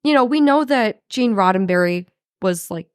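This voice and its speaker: Hoarse, animated woman podcast co-host. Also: moderate pace, dry recording, studio quality. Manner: animated, swearing, fillers, jumps high when excited. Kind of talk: casual chat.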